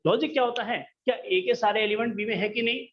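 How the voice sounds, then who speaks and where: A man's voice: very high voice, fairly even intonation, fast talker, a bit bright, lo-fi sound. A man teaching a math class, patient and coaxing, often checking that students follow along. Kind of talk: classroom lesson.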